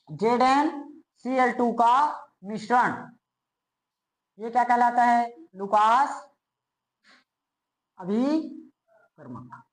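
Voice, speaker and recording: A woman's voice: on the high side, low-quality recording. A woman teaching a chemistry lesson, asking students repeated check questions and then answering them herself. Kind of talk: classroom lecture.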